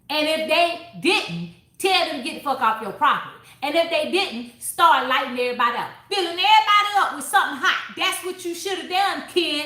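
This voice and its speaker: A woman's voice: high-pitched, pushed and bright. A woman hosting a book club, recapping chapters in a casual, profane way and laughing as she talks. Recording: echoey room.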